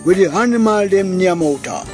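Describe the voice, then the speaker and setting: A man's voice: high voice, lively intonation, brisk, a little mellow, soft background music. A man voicing an angel with glad news in a dramatised Bible story, in a lilting, proclaiming Jamaican Patois storyteller delivery. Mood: joyful, reassuring.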